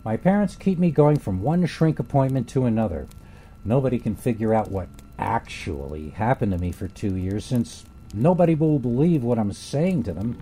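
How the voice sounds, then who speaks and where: Man with a very dark narrating voice. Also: mid-range voice, sing-song, a little hiss or hum. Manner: slow, grave, deliberate storytelling. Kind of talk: first-person horror story narration.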